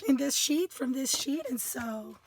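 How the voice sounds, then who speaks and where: A high-pitched woman unboxes craft kits in a chatty, self-mocking way, laughing often and tripping over her words. She takes her time and talks slowly. She is from the United States. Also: a little mellow, slightly rough. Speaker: craft vlogger. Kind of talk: casual product unboxing.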